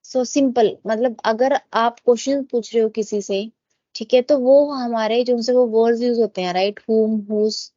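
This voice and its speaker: Female grammar teacher, slightly high voice, unhurried delivery, dull dry recording. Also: steady tone, warm tone, no room sound. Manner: explains in Hindi, reads English examples slowly. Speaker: English teacher. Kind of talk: grammar lesson.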